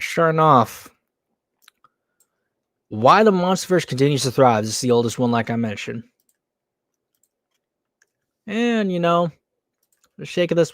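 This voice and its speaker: A man's voice: medium pitch, fairly bright tone, dry recording, studio quality. A man hosting a casual streamed podcast, rambling and talking in fillers and restarts. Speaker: podcast host.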